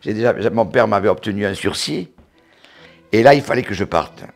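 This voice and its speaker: Man in his eighties w/ a montauban accent, deep voice, stops and restarts a lot telling old stories. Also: expressive, creaky, soft background music. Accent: southern French, Montauban. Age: 80s. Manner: halting, repeats words while recalling. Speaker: interviewee, retired dancer. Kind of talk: reminiscing interview talk.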